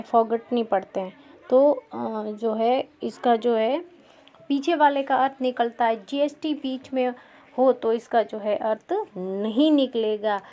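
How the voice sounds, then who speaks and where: A woman's voice: a little high, mellow. A woman teaching English pronunciation rules, asking and answering her own questions as she goes. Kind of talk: Hindi-language English pronunciation lesson.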